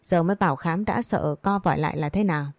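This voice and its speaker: A woman's voice: lowish voice, fast, no room sound, natural voice. A woman reading a story, voicing a blunt middle-aged female doctor who scolds coarsely and with contempt. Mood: scornful.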